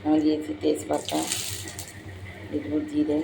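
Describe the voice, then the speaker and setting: A home cook with a voice gone hoarse from a cold, explaining a recipe step by step and addressing viewers as friends. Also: mid-range voice, completely flat delivery, unhurried, background noise. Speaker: home cook hosting a cooking channel. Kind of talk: cooking tutorial with step-by-step talk. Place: home kitchen. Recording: home kitchen with sizzling and clattering pans.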